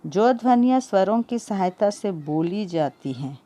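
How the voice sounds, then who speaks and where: A woman's voice: mid-range voice, lively intonation, measured pace, mellow. A woman teaching a Hindi grammar lesson for teaching exams, who repeats each key point as a question and answers it. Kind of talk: exam-prep lesson.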